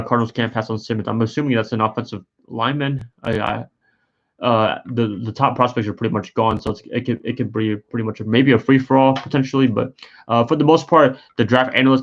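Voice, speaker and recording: Man, low voice, tired, yawning, rambling, hesitant, lots of fillers, casual live-stream commentary, dull lo-fi audio. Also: fairly bright tone. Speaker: sports streamer.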